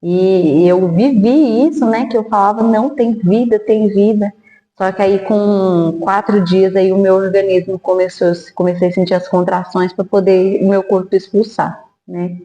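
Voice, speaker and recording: A woman's voice: medium pitch, fairly even intonation, moderate pace, mellow, dull audio. A woman telling her personal testimony as a podcast guest, earnest, now and then acting out remembered dialogue. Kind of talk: emotional personal storytelling. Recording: echoey hall.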